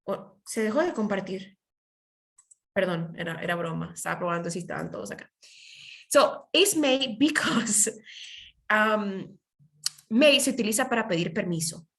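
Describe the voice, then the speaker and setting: A woman's voice: mid-range voice, lively intonation, slow, pauses often, a bit bright. A woman teaching an English class over a video call, who explains patiently with everyday examples and keeps checking in with her students. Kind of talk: online class, switching between English and Spanish. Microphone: computer mic on a video call.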